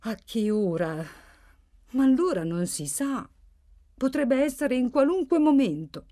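A woman's voice: high-pitched, sing-song, unhurried, dark tone, pitched above the performer's own voice. Woman reading as a stern older father. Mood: firm.

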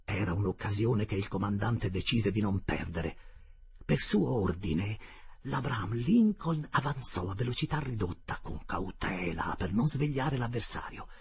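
A man reading a classic adventure novel aloud as an expressive first-person audiobook narrator. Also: lowish voice, unhurried, husky.

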